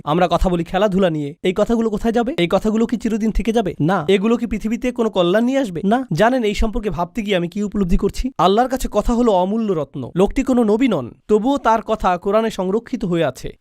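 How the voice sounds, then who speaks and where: High-voiced man preaching in a dry room. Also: a little mellow, dry recording. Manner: rhetorical questions and emphatic repetition. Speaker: Islamic lecturer. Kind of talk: dubbed religious lecture.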